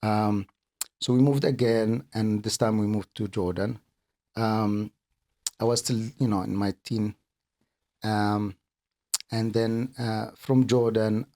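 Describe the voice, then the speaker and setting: A middle-aged man from Kuwait, a guest speaking in a casual interview, earnest and halting, often repeating words as he explains. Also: fairly low pitch, mellow. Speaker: podcast guest, accountant and business owner.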